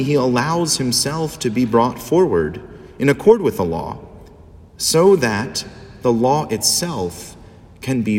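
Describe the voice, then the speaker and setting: A man, a priest, reading the Gospel and preaching a homily in a measured, solemn liturgical manner, his voice ringing with cathedral echo. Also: medium pitch. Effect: cathedral echo, long church reverb. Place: large church. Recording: long reverb in a large church.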